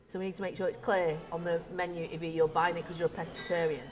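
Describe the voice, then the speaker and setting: A woman co-hosting a casual food tasting chat, talking with her mouth full and filling pauses with ums. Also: on the low side, flat delivery. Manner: chatty, eats while talking, many ums. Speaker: deli owner co-host. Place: deli or shop indoors.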